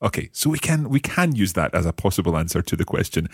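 A man's voice: sits low, very animated, fast talker, breathy edge, no echo, studio quality. A man hosting a language lesson as the learner, asking curious questions and carefully repeating words after his teacher. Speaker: host and learner.

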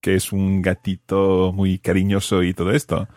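A man's voice: low-pitched, completely flat delivery, normal speed, a little mellow, no room sound, clean studio sound. A man co-hosting a casual lesson chat, curious and asking follow-up questions as he learns. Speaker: podcast co-host and Spanish learner.

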